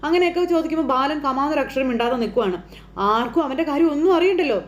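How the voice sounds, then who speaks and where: Woman, casual serial recap, chatty storytelling, slightly high pitch, faint background hiss. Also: animated, very fast, lo-fi sound. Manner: chatty retelling that voices quoted lines inline.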